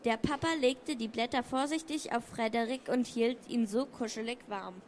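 A woman's voice: a little high, normal speed, a little hiss or hum. A woman reading a children's story aloud, taking turns with another reader.

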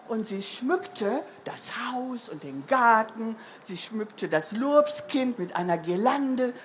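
A woman reading a picture book aloud to children in a lively, sing-song manner. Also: sits high, a little hiss or hum.

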